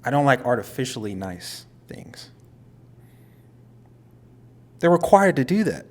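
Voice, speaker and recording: A man's voice: medium pitch, big pitch swings, normal speed. A young man co-hosting a casual couple's podcast, teasing dryly and laughing often. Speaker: podcast co-host.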